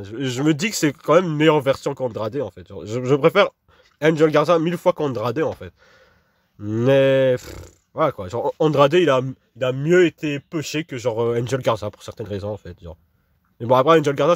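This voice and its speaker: A man's voice: mid-range voice, no echo. Young guy, casual rambling ranker, dry close mic, mid voice, lots of fillers. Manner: rambling, slangy, dismissive, heavy fillers. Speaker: wrestling commentator ranking a roster. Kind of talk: casual monologue.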